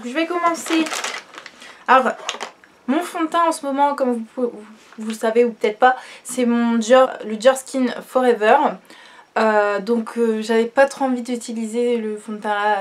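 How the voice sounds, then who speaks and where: A young woman, a beauty vlogger with a fairly high voice and a stuffy nose from a cold, chats casually through a makeup tutorial. She uses many fillers and trails off quietly.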